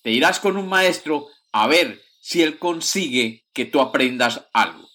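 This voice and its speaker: A man's voice: fairly high pitch, lively intonation, unhurried, pushed and bright. A man doing a stern, angry old count. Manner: exasperated, scolding. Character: old count, stern and quick-tempered father.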